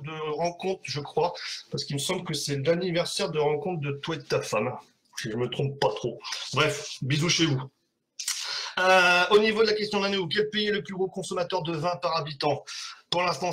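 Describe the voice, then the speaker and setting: A man's voice: fairly high pitch, fairly bright tone. A man hosting a casual live web show, rambling and joking with frequent hesitations.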